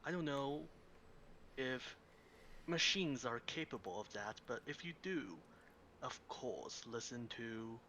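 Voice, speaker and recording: A man voicing a devout, formal warrior who serves his god in a tabletop role-play, speaking in measured, old-fashioned wording. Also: medium pitch, animated, bright, forceful tone, slight background noise. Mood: earnest, devout.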